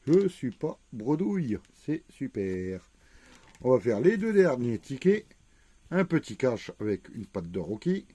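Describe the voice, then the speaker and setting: Unhurried man, deep and very mellow tone, methodical letter-by-letter commentary, dry close recording. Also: very animated, husky, no room sound. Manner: slow, methodical, spells out letters one by one. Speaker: scratch-card vlogger. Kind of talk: casual commentary while scratching tickets.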